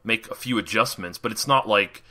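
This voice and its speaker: A man's voice: fairly low pitch, fairly quick, sharp tone. A male wedding photographer co-hosting a podcast, talking casually and rambling with lots of fillers and laughs.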